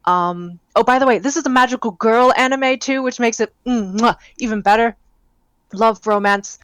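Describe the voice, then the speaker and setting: Young woman, podcast co-host, rambling and excited, dry sound. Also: on the high side, normal speed, clear, resonant tone, no echo. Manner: rambling, enthusiastic, many fillers. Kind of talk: casual chat.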